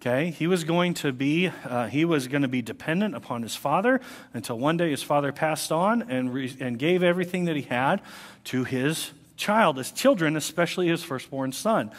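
A man preaches from a church stage, telling a story and jumping into voices for its people. His voice sits a bit high for a man. The sound carries a long reverb from the hall. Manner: animated storytelling, acting out voices. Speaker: pastor. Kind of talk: sermon. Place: church sanctuary.

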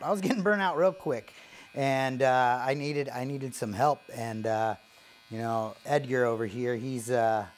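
Earnest bearded barber, mid-pitch. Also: male voice. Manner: earnest, grateful, many fillers. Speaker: barbershop owner. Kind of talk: casual interview while cutting hair. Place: barbershop basement.

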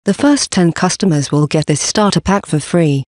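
A man giving a scripted presentation for a company, reading slide contents and symbols aloud in a steady, even delivery. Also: fairly high pitch, normal speed, no echo, studio quality.

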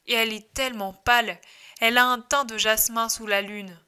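Woman reading as a shepherd, male, kindly, eager, urging, bright tone, audiobook figure. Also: very high-pitched, steady tone, moderate pace, smooth, heavily acted. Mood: tender.

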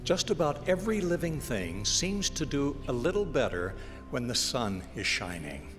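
A middle-aged man giving a scripted inspirational message at a lectern mic, with a slow, measured, gentle delivery. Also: mid-range voice. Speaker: broadcast inspirational speaker. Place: indoor stage with flowers. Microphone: stand mic on lectern. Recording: long hall reverb with soft music. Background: soft music.

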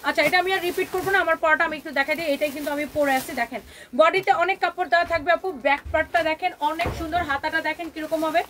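Woman hawking dresses on a phone live, super fast and high, keeps repeating herself. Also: fairly bright tone, a little hiss or hum. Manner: fast, emphatic, repetitive sales patter mixing in English. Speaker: online clothing seller hosting a live sale. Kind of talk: live-stream sales pitch.

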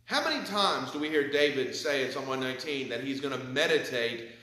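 A man in his thirties preaching a sermon from a pulpit in a church sanctuary, with measured delivery. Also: mid-range voice, lively intonation, bright, forceful tone, heavy reverb, low-quality recording. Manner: measured preaching, reads scripture with rising emphasis. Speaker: pastor. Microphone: pulpit mic, far camera.

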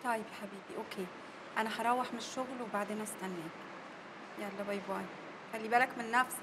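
A woman's voice: medium pitch, fairly even intonation, very fast, background noise, lightly acted. An actress playing an emotional female journalist who speaks theatrically in an Egyptian Arabic accent. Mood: worried. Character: emotional young female journalist, quick to tears.

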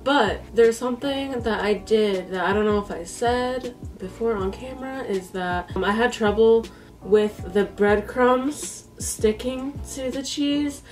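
Chatting and musing aloud to camera as she cooks, a woman in her twenties with an East Coast American accent films in a small home kitchen. Her voice is on the high side, a little slow and a little mellow, and sounds far off, recorded by a camera a few feet away with music behind.

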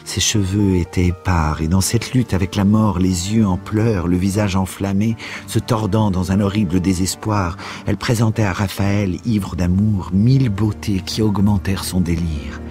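A man reads a classic novel aloud for a radio broadcast, measured and expressive. His voice sits very low. Faint music runs underneath. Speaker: reader. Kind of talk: literary reading for radio.

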